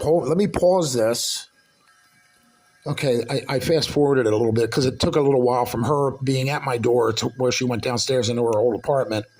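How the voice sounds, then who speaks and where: A man ranting in his apartment, telling a rambling, profane story about a neighbor. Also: medium pitch. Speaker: vlogger recounting a dispute with a neighbor. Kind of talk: casual angry rant to camera.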